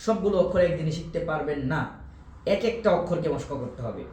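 A high-pitched man with a Bangladeshi Bengali accent leads a pronunciation lesson, repeating each Arabic letter sound several times and checking in with his students. His voice rings in a roomy, echoing space. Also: animated, darkish tone. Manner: repeats Arabic letter sounds slowly, explaining mouth positions; often checks in with "okay?". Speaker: Quran recitation teacher.

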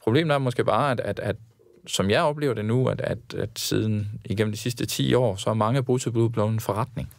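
Halting man with a low, gravelly voice. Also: dry recording. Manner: halting, repeats words while reasoning. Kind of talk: panel discussion.

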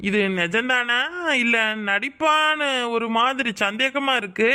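A teasing young village husband banters playfully, as a voice actor plays him. His voice is bright and light. He dotes on his wife in a cartoon scene. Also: medium pitch, unhurried, clear, resonant tone. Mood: pleading. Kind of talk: cartoon voice acting.

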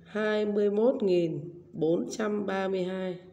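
A woman's voice: mid-range voice, fairly even intonation, unhurried, mellow, highs cut off. A woman teaching primary school math, reading numbers out digit by digit and then in full. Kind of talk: slow dictation-style lesson.

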